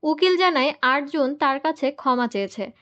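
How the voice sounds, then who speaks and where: A woman recounts a film's story in steady, scripted narration. Her voice sits high. The recording sounds dull and a little lo-fi. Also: moderate pace. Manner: steady storytelling, reads out the characters' quoted lines in the same voice. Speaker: movie recap narrator.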